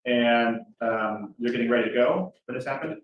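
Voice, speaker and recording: This courtroom clip captures a man cross-examining a witness for the defense, his manner folksy and conversational. His mid-range voice moves at a normal speed. The audio is muffled and echoey with slight background noise, taken far from the mic in a large indoor courtroom.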